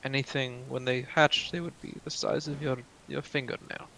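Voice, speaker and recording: A man's voice: medium pitch, little pitch movement, moderate pace, vocal fry, bright, forceful tone, slight background noise, low-quality recording. A man arguing persuasively in character during a tabletop game on a video call. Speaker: player. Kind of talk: in-character tabletop role-play.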